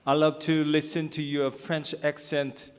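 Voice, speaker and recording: Male audience questioner, Korean accent, unhurried, hesitant phrasing, reverberant hall. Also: fairly high pitch, level tone. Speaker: audience member asking questions. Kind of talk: spontaneous question from the floor. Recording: echoey hall with long reverb.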